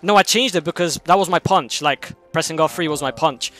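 Higher-pitched young man chatting while gaming. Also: fairly bright tone, soft background music. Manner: repeats phrases in quick succession. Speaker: gamer. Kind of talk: casual gaming chat.

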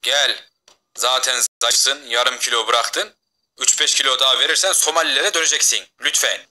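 A man's voice: mid-range voice, moderate pace, bright, forceful tone. Man voicing a blunt, teasing boyfriend. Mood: worried. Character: worried, teasing young boyfriend. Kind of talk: game role-play voice-over.

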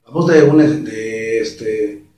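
A man's voice: fairly low pitch, drawn-out words, mellow. A man hosting a casual voice-imitation tutorial, explaining step by step in a chatty way with many fillers. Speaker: voice impressionist, tutorial host. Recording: very echoey room, distant mic.

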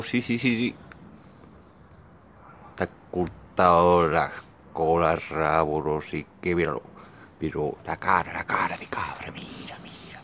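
A man's voice: sits low, a bit bright, slight background noise. A man from the Maresme in Catalonia with a Catalan accent, filming outdoors on a phone and keeping up a repetitive, muttering commentary that often drops to a whisper. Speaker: amateur filmer. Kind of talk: casual commentary while filming. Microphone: phone camera.

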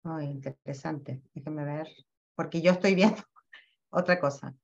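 A woman cofounder introduces herself on an online panel, pausing and restarting as she gathers her words. Her voice is lower than most. The video-call audio sounds muffled. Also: vocal fry. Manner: hesitant, many fillers and restarts. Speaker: cofounder, cooperative trainer.

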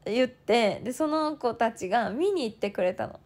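A young woman in her twenties, chatting as she tells a story. Her voice sits high and jumps around a lot. She acts out what others said in quick bursts and laughs often. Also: expressive, a little mellow. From Toyama, Japan. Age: 20s. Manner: fast bursts of quoted speech. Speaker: idol turned streamer. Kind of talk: casual storytelling chat.

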